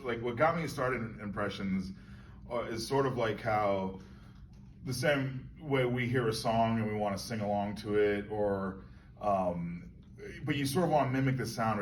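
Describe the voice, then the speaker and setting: Low-voiced man musing at a convention. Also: normal speed, slight background noise. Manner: musing, meandering, laughs often. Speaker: actor being interviewed. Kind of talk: casual convention interview. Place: convention hall. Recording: distant mic with faint crowd ambience.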